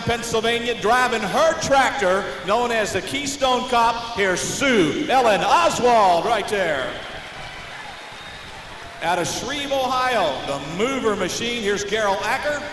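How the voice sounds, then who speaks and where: An American man working as a tractor pull announcer, introducing competitors live with showy, drawn-out names. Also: very high voice. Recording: noisy, echoing arena PA with long reverb.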